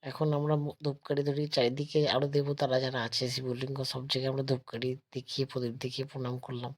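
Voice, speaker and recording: Male vlogger, sore throat, soft and unhurried, flat even delivery, phone-recorded. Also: medium pitch. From West Bengal, India. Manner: speaks slowly and softly, addressing viewers as friends. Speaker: travel vlogger. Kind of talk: casual vlog narration. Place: temple grounds. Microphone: phone held while filming.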